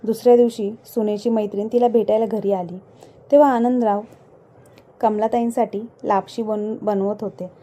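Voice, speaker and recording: Female storyteller, scripted narration of a moral tale, warm relaxed tone. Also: medium pitch, normal speed. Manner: reads every character's lines in her own voice.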